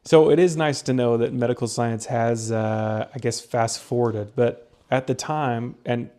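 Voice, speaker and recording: A man's voice: medium pitch, steady tone, measured pace, dark tone. A young man co-hosting a casual podcast, explaining research in a rambling way, with lots of fillers and restarts. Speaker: podcast co-host presenting research. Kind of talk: casual chat.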